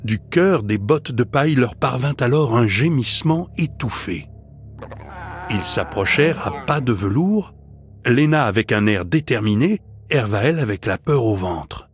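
A man narrating a children's fantasy audiobook in a measured, expressive way. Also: mid-range voice, faint music behind.

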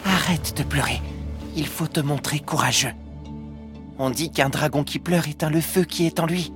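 A man's voice: a little high, normal speed, music in the background, voice pushed up, close to an everyday voice. Narrator as fierce proud dragon boy, stern, storybook.

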